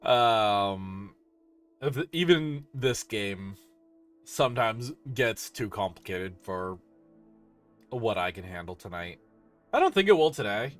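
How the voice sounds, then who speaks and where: A man's voice: on the low side, very animated, slow pace, pauses often, soft background music. A tired man casually commenting on a driving game as he plays, rambling and yawning with lots of fillers. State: sleepy. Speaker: streamer.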